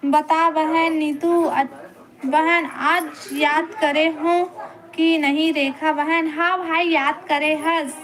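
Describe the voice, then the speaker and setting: A woman with a Chhattisgarhi accent hosts a casual live stream in a high voice. She talks slowly and chattily, greeting each viewer by name and begging them not to leave. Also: fairly bright tone. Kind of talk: casual live-stream chat reading comments.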